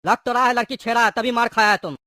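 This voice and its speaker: A man's voice: very high-pitched, quick pace, sharp tone, no echo, clean studio sound. A voice actor playing a hot-tempered male gangster in a cartoon, taunting and threatening. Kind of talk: cartoon voice acting.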